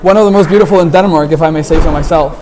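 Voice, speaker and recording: A man's voice: on the high side, very fast, background noise. A young man from Guatemala, a student guide reading a friendly scripted tour. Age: young adult.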